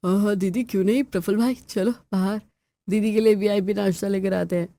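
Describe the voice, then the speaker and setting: A woman's voice: mid-range voice, fairly even intonation, fairly quick, dark tone, dry recording, close to an everyday voice. A woman doing a teasing, easygoing young husband. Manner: teasing, jokey.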